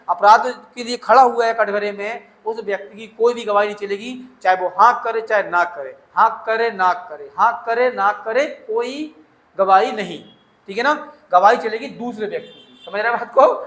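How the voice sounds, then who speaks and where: High, bright-voiced male teacher. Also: moderate pace, roomy sound. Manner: repetitive, acts out quoted pleas of accused and police; addresses students as "beta". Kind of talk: classroom lecture.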